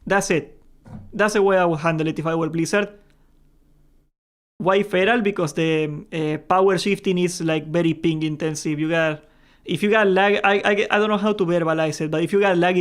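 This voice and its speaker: Chatty high-voiced young man streaming. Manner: chatty, joking, swears casually, laughs often. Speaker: gaming livestream host. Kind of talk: casual live-stream chat.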